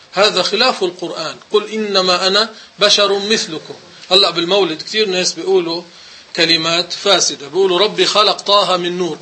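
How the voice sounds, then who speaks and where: A man's voice: high-pitched, sharp tone, husky. A man giving a religious lesson, commenting on a text and firmly correcting wrong sayings. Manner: emphatic, corrective explaining. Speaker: religious teacher.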